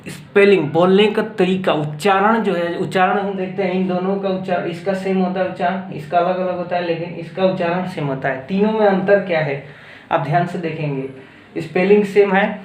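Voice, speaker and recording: A man with an Indian accent teaching an English grammar lesson, explaining slowly and deliberately and checking in often with his students. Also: high-pitched, steady tone. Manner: slow, deliberate explaining with frequent checks like "okay?". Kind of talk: classroom-style grammar lesson mixing Hindi and English. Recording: roomy echo with faint background noise.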